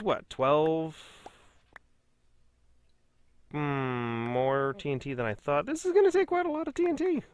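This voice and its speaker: Lively-voiced man narrating gameplay. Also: on the high side. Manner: chatty, self-mocking, talks to himself while playing. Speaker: Let's Play host. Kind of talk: casual gameplay commentary.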